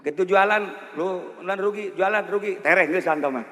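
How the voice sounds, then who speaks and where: High-voiced Sundanese preacher telling stories. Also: male voice, normal speed. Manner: lively, joking storyteller. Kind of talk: storytelling sermon. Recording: long hall reverb.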